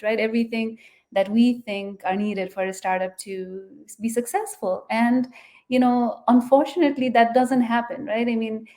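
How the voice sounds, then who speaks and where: Woman from Nepal, mellow voice, thoughtful, interview guest. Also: mid-range voice. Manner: thoughtful, often adds "right?" and "you know". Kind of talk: interview answers.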